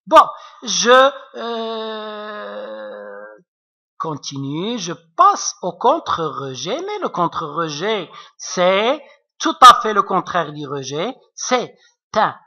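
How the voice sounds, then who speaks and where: A French literature teacher, a native Arabic speaker with an Arabic accent, explains French poetry to his students in class. His voice sits high and sounds bright and forceful, though the audio is dull, and his manner is patient and repetitive, with frequent checking asides.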